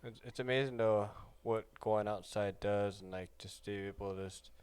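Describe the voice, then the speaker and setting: A man hosting a casual podcast, relaxed and agreeable, chiming in with short affirmations. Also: fairly low pitch, moderate pace, smooth. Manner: easygoing, lots of short affirmations. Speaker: podcast host.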